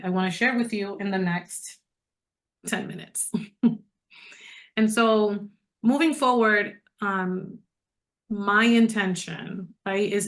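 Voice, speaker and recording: A middle-aged woman from the Dominican Republic speaks at a mid-range pitch, talking straight to her listeners as she presents a coaching program. She stays conversational and persuasive. The sound comes through a video call. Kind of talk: online presentation to a group.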